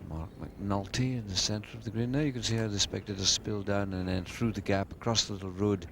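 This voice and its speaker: A man's voice: fairly low pitch, a little fast, vocal fry. A man giving descriptive live golf commentary in an understated, conversational way. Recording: noisy outdoor sports broadcast.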